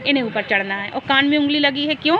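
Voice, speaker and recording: A tired woman, filming on a rooftop at night and narrating lively, encouraging commentary as she goes. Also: high-pitched, fast talker, highs cut off, crowd noise. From Jhansi, India. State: tired from fasting. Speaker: family vlogger. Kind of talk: live commentary to camera. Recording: loud outdoor noise on phone. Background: firecrackers and neighbours.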